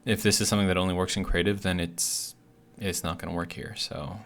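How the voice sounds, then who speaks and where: A man's voice: sits low, flat delivery, fairly quick, gravelly, a bit bright. A man giving casual gameplay commentary as a video host, thinking aloud hesitantly, with slightly awkward articulation. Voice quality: slightly awkward speech from a healing bitten tongue. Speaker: host of a gaming video series.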